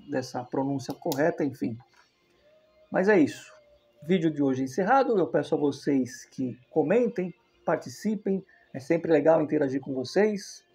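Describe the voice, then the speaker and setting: A man's voice: on the high side, warm tone, husky. A man hosting a casual football video, chatty and loose, often correcting himself mid-sentence. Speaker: football channel host.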